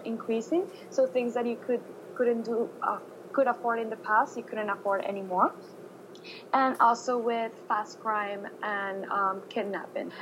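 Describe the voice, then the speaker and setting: A woman's voice: on the high side, fairly bright tone, a little hiss or hum, poor audio. A woman, earnestly answering interview questions. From Venezuela. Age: 20s. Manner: earnest, unscripted account.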